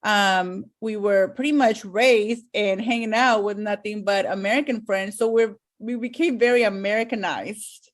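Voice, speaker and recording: Woman guest, born in Mexico, relaxed storyteller in casual chat. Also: medium pitch, moderate pace, hardly any pauses. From Mexico, raised in Texas and Arkansas. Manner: relaxed, storytelling, laughs often. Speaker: podcast guest. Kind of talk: casual conversation.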